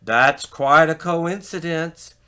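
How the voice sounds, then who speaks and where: A man reading a children's storybook, voicing an earnest, excitable female cartoon mouse. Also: a little high, takes it slowly, clean tone, voice pushed up. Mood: surprised. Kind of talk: children's storybook read-aloud.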